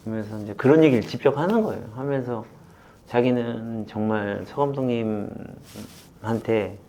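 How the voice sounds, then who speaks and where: A man in his fifties, a football coach, talking through memories in an interview with many pauses and fillers. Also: mid-range voice, mellow, slight background noise. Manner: halting and reflective, many fillers, laughs while retelling. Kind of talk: candid interview.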